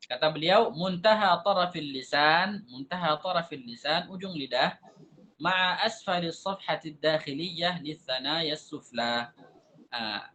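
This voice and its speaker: A man's voice: a little high, a little slow, bright, forceful tone, low-quality recording. A man teaching a Quran recitation class, explaining step by step and repeating letter sounds to demonstrate them. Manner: explanatory, asks and answers his own questions. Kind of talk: tajwid lesson.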